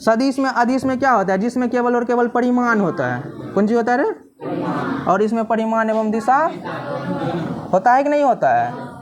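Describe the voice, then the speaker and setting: A man's voice: very high voice, animated, normal speed, long pauses, background noise. A male physics teacher, giving a classroom lecture and often asking the students if they have understood. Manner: repeats questions to students, casual teasing checks.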